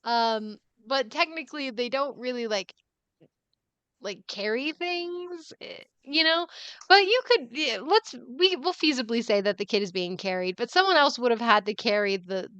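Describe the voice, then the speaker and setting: A woman narrating as dungeon master on a tabletop game stream, halting with fillers and frequent laughs. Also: a little high, lively intonation, a bit bright, smooth, dry recording, muffled recording.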